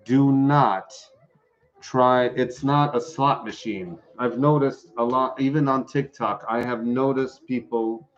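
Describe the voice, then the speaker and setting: A man's voice: mid-range voice, steady tone, takes it slowly, dull audio. A man doing a live-streamed tarot reading, chatting with viewers and answering the chat. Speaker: tarot reader.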